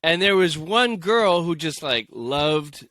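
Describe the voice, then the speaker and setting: A man's voice: fairly high pitch, lively intonation, slow pace, a bit bright, no echo, clean studio sound. A man co-hosting a podcast in casual, jokey chat, reading stories aloud and slipping into playful voices. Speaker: podcast co-host.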